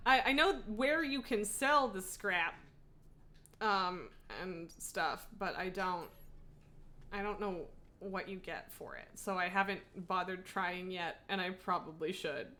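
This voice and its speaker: A woman's voice: on the low side, slow, sharp tone. A woman livestreaming a video game, chatting casually and informally, thinking aloud and jumping between thoughts with self-mocking humor. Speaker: video game streamer, host. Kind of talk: casual gameplay livestream chat.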